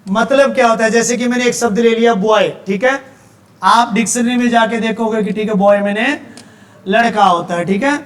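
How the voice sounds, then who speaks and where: A male teacher with a Haryanvi accent lectures his class in a slightly bright voice that is unusually high for a man. He lays out his method step by step, pausing often to check that students are following.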